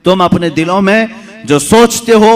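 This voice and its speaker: A middle-aged male preacher giving a sermon, swinging from loud poetic recitation to hushed storytelling. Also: high voice, unhurried. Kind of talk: Urdu-Hindi religious sermon.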